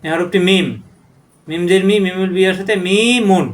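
High-voiced man teaching letter recitation. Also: steady tone. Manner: drawn-out chanted letter names with short spoken explanations. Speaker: Quran reading teacher.

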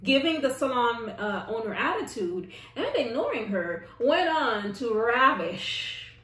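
A woman vlogger telling a comedic storytime in an animated, exaggerated, self-mocking way. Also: on the high side, measured pace, echoey room.

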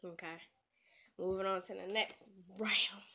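A woman's voice: mid-range voice, fairly even intonation, measured pace, sharp tone, slight background noise. A woman vlogger, attempting tongue twisters in a casual challenge video, playful and teasing. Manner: playful, trash-talking, laughs at her own slips.

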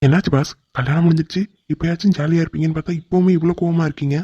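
A man's voice: fairly high pitch, fairly even intonation, rapid-fire, mellow, no room sound, close to an everyday voice. A man voicing Prakash, a cheeky young assistant. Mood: teasing. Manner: teasing, playful. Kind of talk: cartoon drama voice acting. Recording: dull lo-fi recording.

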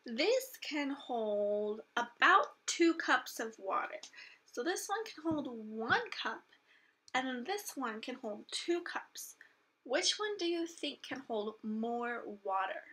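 A woman's voice: high-pitched, big pitch swings, takes it slowly, pushed and bright. A woman in her twenties teaching young children like a kids show host, in simple, encouraging questions. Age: 20s. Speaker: elementary math teacher. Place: small room at home, indoors. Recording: clear background noise, room ambience.

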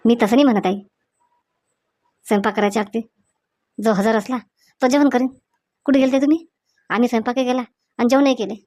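A woman's voice: fairly high pitch, fairly even intonation, fairly quick, pauses often, mellow, no echo, studio quality, lightly acted. A woman playing a sulky village daughter-in-law. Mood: defiant. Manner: sulky, talks back. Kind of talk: comedy sketch acting.

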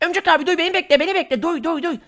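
A man voicing a scared, whiny little boy sidekick in shrill, panicky pleading. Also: rapid-fire, a bit bright.

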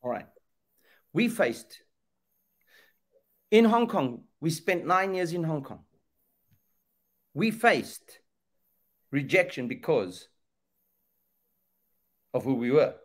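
Taking his time with long pauses, a middle-aged man from Zambia preaches in a very animated, somewhat high voice. He's in an indoor room on a webcam video call, using a preacher's emphasis with repeated phrases and rhetorical questions.

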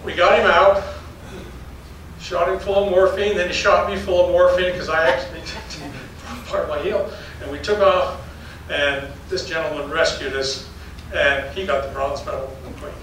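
This older man's voice sits at a fairly high pitch, a bit bright, with fairly even intonation at a normal speed. He's a geology professor giving a public lecture as a storytelling slide talk, folksy and anecdotal, chuckling between stories. It's recorded from a distant mic in a darkened, very echoey lecture hall with an audience and faint noise.

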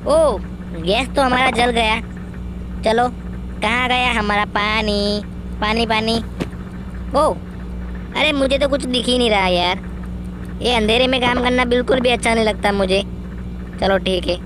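A man's voice: very high-pitched, a little slow, pauses often. A man voicing a boastful, bossy young man who brags and orders others around, as gaming commentary in character. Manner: bragging, impatient, bossing others around. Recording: noisy background.

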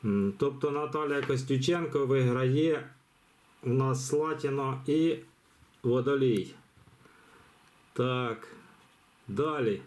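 A man's voice: mid-range voice, extremely slow, pauses often, a little mellow. A man hosting a live giveaway on his channel, talking in a rambling, chatty way many fillers and restarts. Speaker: channel host running a giveaway. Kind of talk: casual live commentary.

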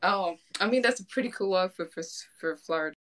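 Young woman chatting at medium pitch. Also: fast, a bit bright. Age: young adult. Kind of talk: casual chat. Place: indoors, joining by video call.

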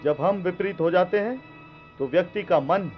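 A man's voice: sits high, normal speed, lo-fi sound, natural voice. A man playing an ominous moon god, declaiming warnings in a mythological TV drama. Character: Chandra, ominous moon god who clouds minds. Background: background music.

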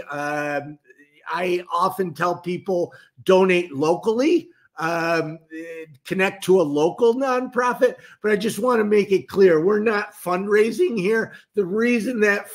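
Brief: male live-stream host, high voice, loose rambling delivery with lots of restarts. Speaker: livestream host. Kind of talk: casual live-stream talk.

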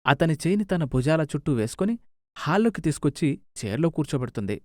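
A man narrating a scripted story, expressive and animated. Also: on the high side, fast, no room sound, clean studio sound.

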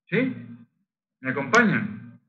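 A man facilitating a Reiki workshop, explaining techniques and leading the group in slow chanting. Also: mid-range voice, very animated, narrow, tinny audio. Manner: leads group chanting of Japanese phrases, slow and sung. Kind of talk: spiritual workshop teaching.

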